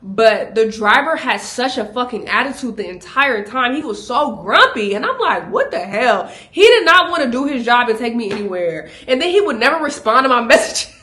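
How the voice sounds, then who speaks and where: A woman's voice: fairly high pitch, slight background noise. A young woman chats straight to camera about her trip, telling the story with lots of expression. She bounces between voices as she acts out what people said, and laughs often. Her voice swings up and down with energy. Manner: animated, laughing, acts out quotes. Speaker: travel vlogger. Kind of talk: casual storytime vlog.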